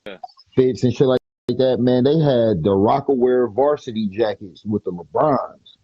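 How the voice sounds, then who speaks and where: A man's voice: medium pitch, measured pace, husky, no echo. A man in casual podcast chat, telling laid-back, rambling stories. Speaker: podcast speaker. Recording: dry, dull lo-fi sound.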